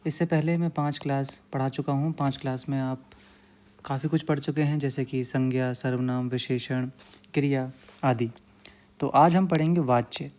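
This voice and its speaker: A man's voice: mid-range voice, fairly even intonation, moderate pace, a little mellow. A man teaching a grammar lesson, explaining patiently with lots of repetition and frequent check-ins with his students.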